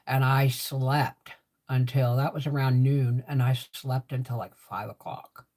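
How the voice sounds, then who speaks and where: A woman's voice: rumbling low, steady tone, measured pace, darkish tone. An older woman hosts a casual livestream chat with a swollen, sore mouth from dental work. She rambles along conversationally and repeats phrases for emphasis, her words slightly muffled by the swelling. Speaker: livestream host.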